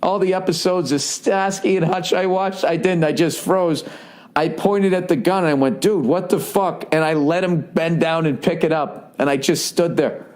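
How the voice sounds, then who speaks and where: A man's voice: fairly high pitch, fairly even intonation, moderate pace, a little mellow. A man who is a comedian, telling stories in a rambling, profane podcast monologue and often checking in with the listener.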